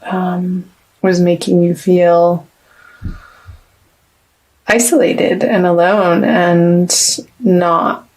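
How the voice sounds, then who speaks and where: A woman reads tarot in a slow, halting way, pausing often as she turns the cards. Her voice sits low with a gravelly edge and stays fairly flat. She stays soft and reflective throughout. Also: low-quality recording. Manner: slow, halting, with many restarts and ums. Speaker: tarot reader. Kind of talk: casual tarot reading to camera.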